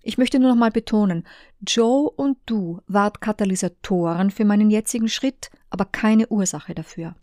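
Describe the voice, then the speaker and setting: A woman reading the messages of a married woman, soft and reflective. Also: mid-range voice, moderate pace, no echo, clean studio sound, lightly acted. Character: Kaja, a searching married woman.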